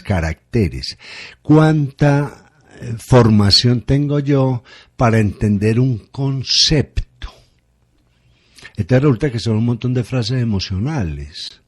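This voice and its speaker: A man's voice: mid-range voice, expressive, slow pace. A man, a guest on a radio conversation, reflecting aloud and asking rhetorical questions.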